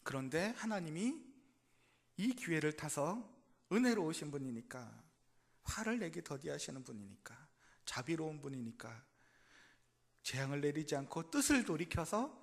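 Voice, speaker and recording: Male pastor, high voice, dramatic sermon delivery with loud-soft swings, questions the congregation. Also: sing-song, normal speed, gravelly. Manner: dramatic, acts out quoted speech with big swings in loudness.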